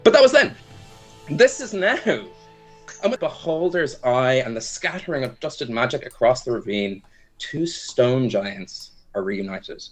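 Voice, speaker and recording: A man's voice: mid-range voice, lively intonation, a little slow, soft background music. A man acting as game master, narrating a tabletop fantasy game with dramatic storytelling and casual rulings.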